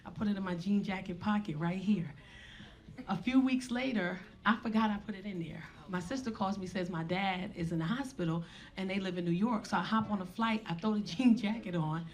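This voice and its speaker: A woman in her forties doing stand-up, telling a story in a brash, profane, animated way on a comedy club stage. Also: mid-range voice, fairly quick. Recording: live audience laughter.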